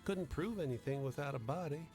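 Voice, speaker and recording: In a story game, a man voices a sly, folksy woman—a playful ghostly lady with a secret—telling a suspenseful tale in a teasing mood. His natural voice is pitched above his own, a little high, brisk, and darkish in tone. Soft music plays in the background.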